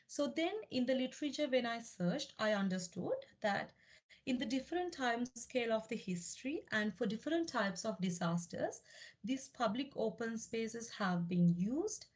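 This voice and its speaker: A woman from Sri Lanka giving an academic lecture about her doctoral research, speaking in a measured, explanatory way with frequent fillers and restarts. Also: a little high, a little mellow.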